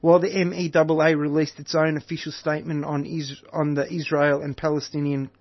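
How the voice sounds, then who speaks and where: An Australian man co-hosts a community radio breakfast show with a slightly higher voice. He reads through the news rundown in an easygoing way, stumbling and correcting himself now and then. The sound is dry with a dull, lo-fi tone. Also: little pitch movement, a little fast, no echo. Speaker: radio co-host.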